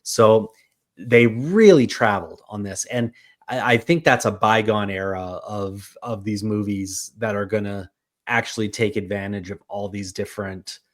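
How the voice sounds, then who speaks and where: Low-voiced man hosting a film podcast. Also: a little slow. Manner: rambling, lots of fillers, listing film credits. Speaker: podcast host. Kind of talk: casual film podcast chat.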